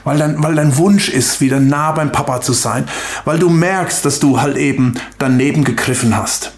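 A man's voice: mid-range voice, normal speed. An older man preaching a sermon and leading a prayer, fervent and emphatic, speaking straight to his listeners and often repeating words. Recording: echoey room.

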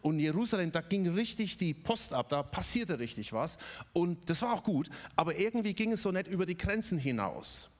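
A man's voice: sits high, very animated, fairly quick. A man from the Stuttgart region preaching a conversational sermon, with many fillers and little tag questions. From Ludwigsburg area, Germany.

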